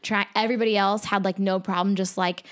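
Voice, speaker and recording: A woman's voice: medium pitch, flat delivery, a bit bright. Chatty woman telling a story. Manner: chatty, storytelling, quick asides. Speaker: podcast co-host. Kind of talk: casual chat.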